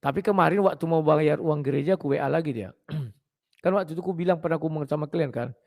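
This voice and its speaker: A man with a high-pitched, gravelly voice talks bluntly to his viewers in a casual preaching style. He clears his throat again and again between phrases. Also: fast talker, a little mellow.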